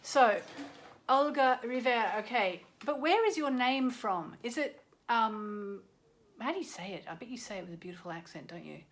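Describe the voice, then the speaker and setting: A woman's voice: a little high, expressive, normal speed, fairly bright tone. A middle-aged woman hosting a live astrology show, chatting casually and greeting viewers by name. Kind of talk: casual livestream chat. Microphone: desk microphone.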